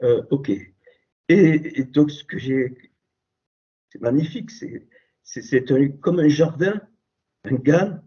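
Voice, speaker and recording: A man's voice: medium pitch, takes it slowly, long pauses, mellow, slightly rough. A man giving an emphatic spoken religious teaching as a Torah teacher over a computer call. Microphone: computer call microphone. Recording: dull lo-fi call audio.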